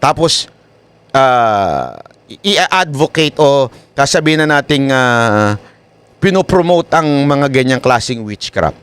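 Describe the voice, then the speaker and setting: A man giving live-stream commentary in an animated way, often tossing tag questions to viewers. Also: medium pitch, slow pace, clear, resonant tone. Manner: animated, keeps asking "di ba?". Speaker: online news commentator.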